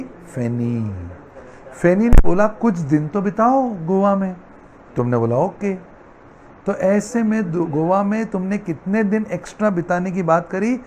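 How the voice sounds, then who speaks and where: Man, middle-aged, lively classroom teacher, storytelling, slightly high-pitched. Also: slight background noise. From India. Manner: playful storytelling, acts out quoted characters. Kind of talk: classroom lecture.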